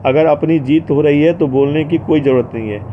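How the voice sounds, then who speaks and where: A man narrating a classic novel as an audiobook in a measured storytelling manner, recorded with dull lo-fi sound. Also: a little high, noisy background.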